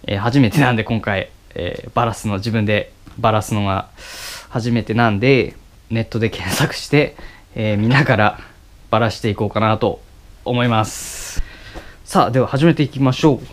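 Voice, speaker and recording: In a cluttered garage, a young man fixes his motorcycle while talking viewers through it casually for his motovlog, filmed on a camera strapped to his head. He leans on fillers, stops and starts, and mumbles to himself as he works, in a fairly low voice.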